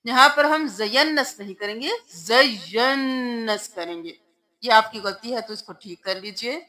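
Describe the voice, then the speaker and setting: A woman's voice: fairly high pitch, expressive, sharp tone. A woman teaching Quran recitation, patiently spelling out words letter by letter in a tajweed lesson.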